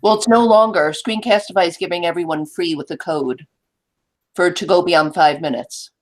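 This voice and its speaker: A woman's voice: fairly low pitch, normal speed. A woman teacher chatting casually on a video call.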